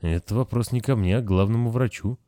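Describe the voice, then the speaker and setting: Man doing a weary gentle caretaker. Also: fairly low pitch, fast, dry recording, studio quality, lightly acted. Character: tired, kindly older male caretaker.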